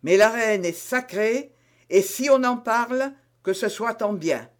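A man's voice: sits high, lively intonation, a little slow. A man reading the part of a vain, blustering young musketeer who talks in a hearty, emphatic, lecturing way in an audiobook.

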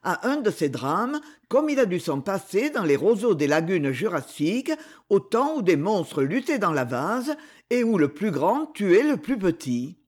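A man narrating an adventure novel as an audiobook, in a measured, dramatic storytelling manner. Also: high voice, very animated.

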